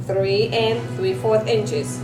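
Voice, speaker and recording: A woman who teaches elementary science walks children through a craft tutorial step by step, sounding like a bright kids' presenter. Her mid-range voice stays level and slow. The room echoes, and music plays behind her.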